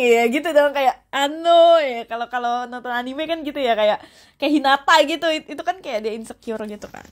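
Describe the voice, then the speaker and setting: A young woman hosting a let's-play video, chatty and excitable, talking straight to her viewers. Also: high-pitched. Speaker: gaming video host.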